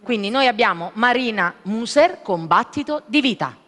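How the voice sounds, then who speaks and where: A woman's voice: on the high side, animated, moderate pace, fairly bright tone, in a large hall. Effusive woman TV show host. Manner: effusive, laughs readily and breaks off her sentences. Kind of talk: casual studio chat and presenting. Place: television studio.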